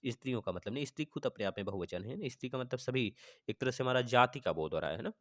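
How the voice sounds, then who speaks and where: A man teaching a Hindi grammar exam-prep lesson with a north Indian accent, reading sentences aloud and slowly repeating them as he thinks them through. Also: mid-range voice, animated, fairly bright tone, no echo, clean studio sound. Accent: Hindi-speaking north Indian.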